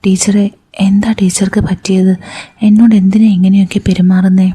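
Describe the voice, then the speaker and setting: A woman's voice: medium pitch, flat delivery, brisk, mellow, slight background noise, natural voice. A woman voicing an anxious young male student in a whispered role-play, stammering and pleading. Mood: pleading, nervous.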